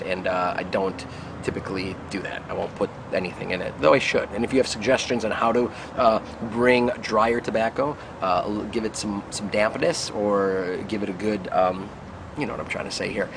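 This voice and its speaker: A man giving a casual, unhurried review to camera outdoors, musing and trailing off as he puffs on a pipe. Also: fairly low pitch, fairly even intonation. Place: outdoors in the wind. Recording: noisy outdoor recording with wind and traffic.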